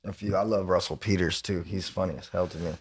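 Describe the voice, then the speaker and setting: A man's voice: low-pitched, fairly even intonation, quick pace, slightly rough. A man hosting a podcast, talking in a laid-back casual way with lots of "you know" fillers. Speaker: podcast host. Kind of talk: casual chat.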